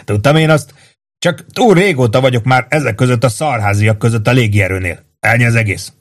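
A man's voice: medium pitch, natural voice. A man voicing an awkward, sheepish young male soldier who grins as he talks. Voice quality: sheepish, grinning.

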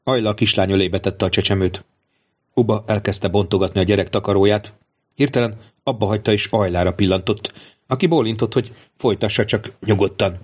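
A man narrating a novel in a measured, even storytelling voice. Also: fairly low pitch, breathy edge. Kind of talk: audiobook narration.

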